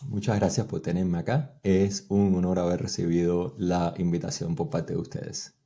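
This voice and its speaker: A man's voice: deep voice, little pitch movement, moderate pace, mellow. A man from Cuba with a Cuban Spanish accent, answering interview questions in a thoughtful, explanatory way and sometimes restarting his sentences. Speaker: guest engineer.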